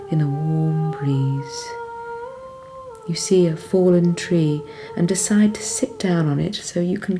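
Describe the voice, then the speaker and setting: With a voice pitched on the low side, a woman narrates a guided meditation from a script. Her delivery is measured and calming, and her lines frequently trail off breathily and gently.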